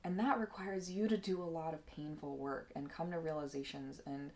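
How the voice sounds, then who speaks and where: A woman's voice: low voice, steady tone, normal speed, darkish tone. A young woman giving an earnest, encouraging tarot reading, casual and full of slang, sometimes reading card texts aloud and getting emotional. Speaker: tarot reader.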